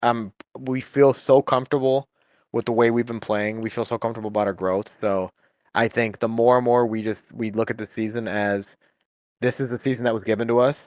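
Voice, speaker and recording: A man talks fast and with energy, telling stories and acting out the voices of players. The recording is dry and a little muffled, with no room sound. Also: medium pitch, dry recording. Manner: animated storytelling, acts out players' voices. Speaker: esports coach and guest. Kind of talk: casual podcast chat.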